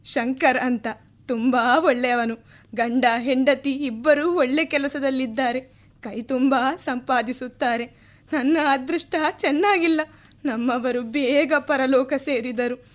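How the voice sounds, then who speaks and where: A woman voices an elderly widow who sells flowers by the roadside, in a radio drama. She speaks slowly and tearfully, and her pleading voice sits high. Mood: resigned. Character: poor elderly widowed mother, a street flower seller.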